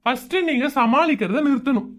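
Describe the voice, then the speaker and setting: A blunt male nutrition doctor, put on by a woman, handing out mocking advice in a comedy skit. The voice is fairly high for a man. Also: a little fast.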